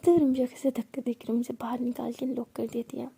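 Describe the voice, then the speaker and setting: High breathy young woman storyteller. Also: level tone, fairly quick, dark tone. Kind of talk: first-person love story narration.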